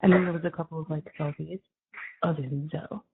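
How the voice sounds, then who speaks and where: A man talking casually on a prison phone call, emphatic and supportive, with a halting delivery. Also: fairly high pitch, steady tone, noisy background. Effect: prison phone line. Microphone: telephone. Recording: tinny narrow prison phone line.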